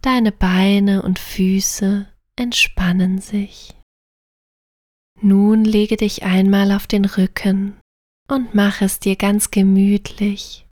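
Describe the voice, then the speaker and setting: Very slow, soothing woman sleep story narrator. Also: mid-range voice, level tone, no echo, clean studio sound. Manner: soothing, gentle sleep story delivery, partly breathy near-whisper. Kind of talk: slow guided relaxation and bedtime story narration.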